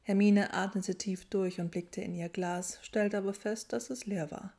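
A woman narrating a story in a steady storytelling way. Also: mid-range voice, a little slow. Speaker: audiobook narrator. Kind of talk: scripted narration of a fan story.

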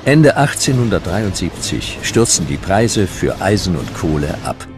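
A very low-voiced man narrates a scripted historical documentary with music underneath, sounding very animated. Wide intonation gives his measured pace the feel of dramatic storytelling.

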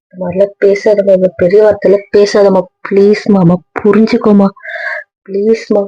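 A woman's voice: medium pitch, level tone, normal speed, warm tone, slightly rough, no room sound, lo-fi sound. A woman acting in a family drama as a young doctor, talking in a pleading, apologetic way.

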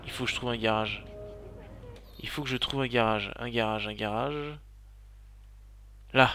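A man's voice: medium pitch, moderate pace, a little hiss or hum. A man giving frantic in-character commentary while playing a driving game, swearing and repeating his exclamations. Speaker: gaming YouTuber role-playing his character. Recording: loud car and siren game sounds behind. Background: car engines and police sirens from the game.

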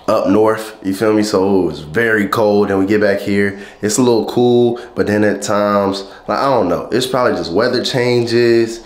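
A congested young adult vlogger with a fairly low voice chats casually to a handheld camera held at arm's length, using laid-back slang and hyped greetings. He starts in a small indoor room, then moves to a big electronics store, and the sound is echoey.

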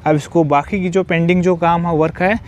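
Filming on a phone he holds as he walks an outdoor construction site, a vlogger gives a walkthrough explaining the civil works, repeating himself and slipping in English technical terms. His voice is on the high side, steady and a little mellow, a little fast, on lo-fi audio with slight background noise.

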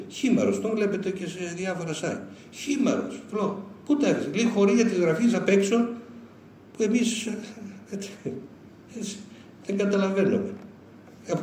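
An older man, a monastic elder giving an informal, animated spiritual talk, telling stories with chuckles. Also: on the high side. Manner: conversational, animated storytelling with chuckles. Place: lecture hall. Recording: roomy hall sound with faint noise.

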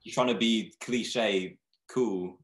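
Thai-born and English-raised, this young man who founded a brand talks at an unhurried pace in a fairly low voice, loose and rambling with frequent restarts. It's an easygoing interview over a webcam video call from a small indoor room that sounds roomy and echoey.

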